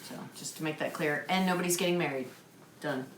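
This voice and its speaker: A woman's voice: sits low, fairly quick. A middle-aged woman co-hosting a family vlog, speaking briefly and agreeably. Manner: quiet, brief, agreeable replies. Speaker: homestead vlog co-host. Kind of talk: casual chat to camera. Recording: echoey room, faint hum.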